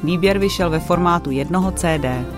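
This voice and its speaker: Presenter voice, measured and informative, clear music bed behind. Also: mid-range voice. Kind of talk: audiobook review segment.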